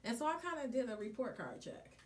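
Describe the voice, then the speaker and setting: A woman co-hosting a podcast, telling stories in a chatty, animated way with casual slang. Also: fairly high pitch, a little fast. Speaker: podcast co-host. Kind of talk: casual chat.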